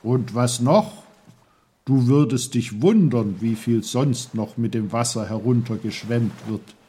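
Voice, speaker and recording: A man playing a tiny, gruff uncle figure who lectures like a schoolmaster, in a storybook reading. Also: medium pitch, slow, mellow. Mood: lecturing.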